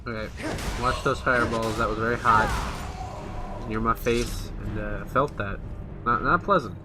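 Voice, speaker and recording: Over game music, a man commentates on his own video game play in a casual let's play, with offhand, musing remarks. He speaks at normal speed in a medium-pitched voice.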